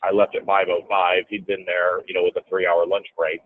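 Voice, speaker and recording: Low husky guy spinning a story, gets loud for the quotes, thin phone-ish sound. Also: a little fast. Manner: animated, acts out quotes in a raised voice. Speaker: guest, real estate businessman. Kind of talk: storytelling in a casual interview. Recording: tinny phone-like audio.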